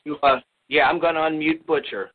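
A man with a husky voice, talking as a call-in show co-host. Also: fairly high pitch, steady tone, fairly quick. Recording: narrow phone-like line.

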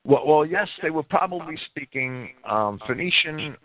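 Over tinny phone-line radio audio, a man answers critics in a lecture-style talk, explaining and citing sources at length and often repeating words as he restarts. His voice is on the high side with lively intonation, a moderate pace, and a breathy edge.

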